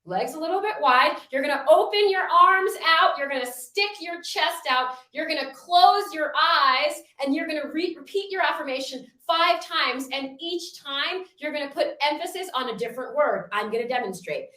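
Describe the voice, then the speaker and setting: A woman's voice: high-pitched, expressive, moderate pace, few pauses, sharp tone. A woman leading a workshop over a video call, giving upbeat, encouraging step-by-step instructions. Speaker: workshop facilitator.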